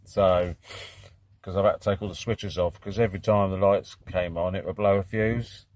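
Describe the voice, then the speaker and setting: British man, lowish voice, casual DIY vlog host, matter-of-fact and rambling. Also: steady tone, moderate pace, a little mellow, no echo. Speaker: vlog host doing DIY car repairs. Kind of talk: casual chat and work commentary.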